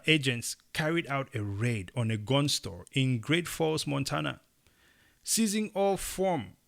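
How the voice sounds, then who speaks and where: A young man from Cameroon co-hosting a casual opinion chat, talking emphatically and rising into animated bursts. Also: a little high, vocal fry. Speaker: podcast co-host.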